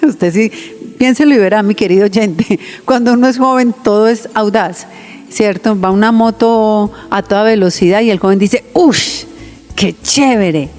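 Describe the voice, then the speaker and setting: A woman's voice: mid-range voice, warm tone. A woman preaching on the radio, speaking earnestly and often turning to address her listeners directly. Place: radio studio.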